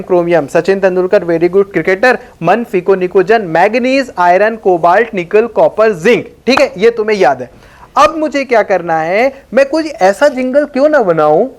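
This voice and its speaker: A man with a high voice teaches chemistry through a playful story and mnemonic jingles. He keeps quizzing his students and chants rhythmic phrases and sound effects to make the material stick.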